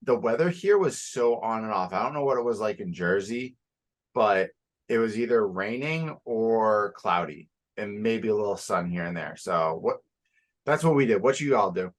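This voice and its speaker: Young male co-host, low voice, tired, loose and swearing, laughs easily. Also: animated, moderate pace. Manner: loose and profane, laughing and yawning. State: sleepy. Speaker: podcast co-host. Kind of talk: casual chat.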